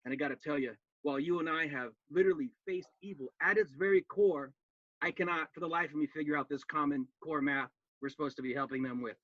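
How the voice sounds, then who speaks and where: Man as cheerful hobbit gardener, gravelly, folksy, high voice, dry muffled sound. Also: fast talker, no echo, lightly acted. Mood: chatty. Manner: earnest, folksy, talking to a friend on a video call. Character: cheerful homely male hobbit gardener, earnest and chatty. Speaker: comedian. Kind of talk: cosplay stand-up character bit.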